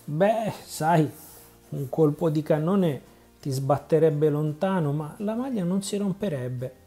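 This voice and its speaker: A man's voice: fairly high pitch, expressive, slow, soft background music. A man voicing a sly, plump woman knitter in a storybook reading, coaxing and confiding. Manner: coaxing, confiding, hushed at times.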